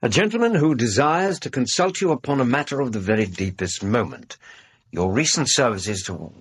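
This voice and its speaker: An actor playing an affable middle-aged Victorian gentleman doctor with an English accent, courteous and hearty, in a radio drama. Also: medium pitch, lively intonation, moderate pace, husky. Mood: curious, earnest.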